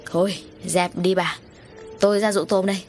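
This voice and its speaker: A woman voicing a harsh, quick-tempered middle-aged husband who barks curt orders. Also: medium pitch, little pitch movement, a little mellow, faint music behind, natural voice. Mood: gruff. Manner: curt, barking.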